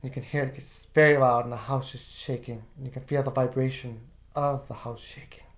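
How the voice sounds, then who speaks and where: A man's mid-range voice walks the listener through a visualization, speaking slowly and in the second person. He stays gentle and calm, using relaxed filler words.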